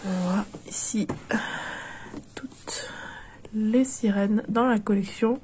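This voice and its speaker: She has a cold, so her voice comes out nasal and stuffy as this young woman chats haltingly through unboxing a doll, stopping to restart and filling gaps with fillers. The mid-range voice is a little mellow and slow-paced, with a faint hiss or hum underneath.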